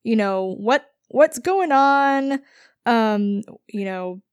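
A woman's voice: on the high side, expressive, drawn-out words, smooth, no room sound. A woman co-hosting a podcast, recapping a book in a casual, rambling way full of fillers. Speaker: podcast co-host.

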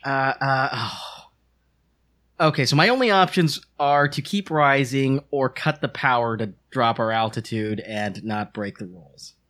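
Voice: mid-range voice, moderate pace, few pauses, a bit bright. A player in a tabletop game, stammering and flustered while describing their actions. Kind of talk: casual tabletop game chat.

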